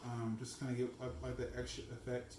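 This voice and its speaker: A man's voice: mid-range voice, a little fast, slight background noise. Chatty young man baking cookies. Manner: chatty and excitable, heavy use of "like". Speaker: food blogger host. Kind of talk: casual cooking vlog. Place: home kitchen. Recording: echoey room.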